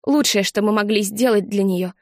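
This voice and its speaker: A woman narrating a first-person story as an audiobook, measured and expressive. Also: mid-range voice, no echo, clean studio sound. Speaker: audiobook reader.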